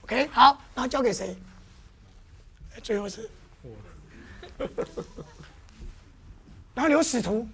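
Woman, high voice, church teacher, quizzes listeners over and over, playful demonstrations. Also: slow, vocal fry, long pauses, slight background noise. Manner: constantly quizzes the audience with questions.

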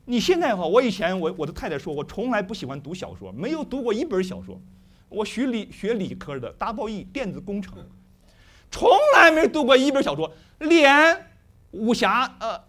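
A middle-aged man preaching with a high voice. His pitch leaps and swoops as he keeps questioning the congregation in a lively way. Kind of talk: sermon.

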